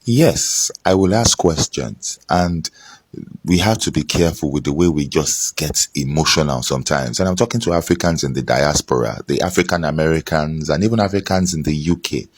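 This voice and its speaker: A man's voice: rumbling low, normal speed, no echo. A young man bluntly scolding his audience on camera indoors, using an earphone mic. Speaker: commentator. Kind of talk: opinionated rant to camera. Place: indoors, small room. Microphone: wired earphone mic.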